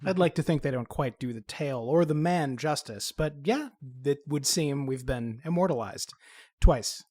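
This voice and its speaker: A man's voice: a little high, animated, normal speed, dark tone, slightly rough. A man playing a tabletop game, talking in a playful, theatrical way. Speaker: player. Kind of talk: in-character tabletop play.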